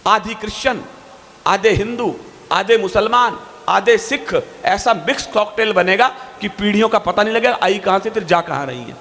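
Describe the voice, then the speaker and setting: Male poet on stage, high-pitched and sharply forceful, declaiming emphatic verse in a reverberant hall. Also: lively intonation, moderate pace, vocal fry, a little hiss or hum. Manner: fiery, emphatic, stretches key lines. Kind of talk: declamatory poetry recitation. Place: stage at a poetry gathering.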